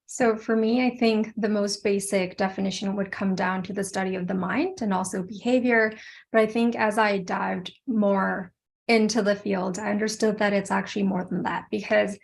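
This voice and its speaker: A woman speaking on an online panel over a video call, measured and thoughtful. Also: mid-range voice, fairly even intonation, gravelly. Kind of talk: casual online panel talk.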